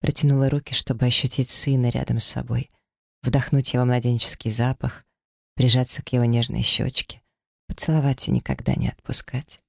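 A man's voice: mid-range voice, little pitch movement, fairly quick, vocal fry, no echo, studio quality. A man reading a first-person story as an audiobook narrator, dramatic and emotional.

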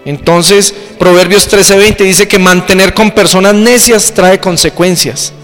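High-voiced man preaching. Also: unhurried, long reverb tail, faint music behind. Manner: animated preaching with acted-out quotes. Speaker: pastor. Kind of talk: sermon.

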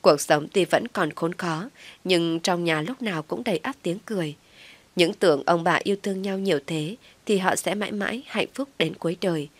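A woman narrating a first-person family drama story in a calm, steady way. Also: on the low side, moderate pace, no echo.

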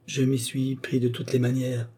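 A man's voice: mid-range voice, monotone, moderate pace, warm tone, husky, pitched above the performer's own voice. A man voicing an earnest, formal middle-aged notary who speaks in careful legal phrases.

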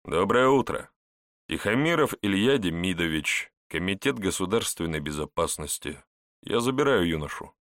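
A man voicing a polite, calm young male security officer in an audiobook. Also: low-pitched, normal speed, no room sound, clean studio sound. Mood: courteous. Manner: courteous, calm, genial.

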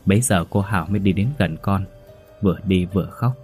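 A man reading a horror story in a steady, measured way. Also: sits low, faint music behind. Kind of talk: scripted horror narration.

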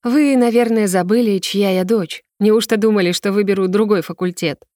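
A woman's voice: mid-range voice, moderate pace, warm tone, no echo, clean studio sound, lightly acted. A woman doing a teasing young heroine. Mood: playful.

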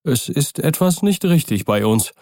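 A man's voice: a little high, expressive, unhurried, warm tone, no room sound, voice pushed up. Male reader doing a panicky elderly butler, raised and strained, dry booth sound. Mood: frightened. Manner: agitated, pleading. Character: frightened old male servant, trembling and anxious.

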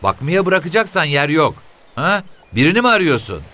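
A man reading aloud and voicing a loud, shrill, quick-tempered old mother at the seaside, his voice pushed far higher than his own. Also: sing-song, a little hiss or hum. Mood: scolding.

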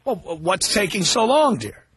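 A man's voice: high voice, big pitch swings, a little slow, fairly bright tone. A man hosting a call-in radio show, mocking and arguing with a caller and cutting in constantly. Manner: mocking, argumentative, interrupts constantly. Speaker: radio talk show host. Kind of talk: combative call-in radio talk.

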